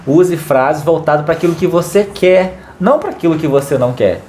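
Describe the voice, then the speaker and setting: A man's voice: a little high, a little fast, darkish tone, a little hiss or hum. A man co-hosting a family advice talk, explaining patiently and repeating key words for emphasis. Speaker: co-host giving family advice. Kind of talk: casual talk to viewers.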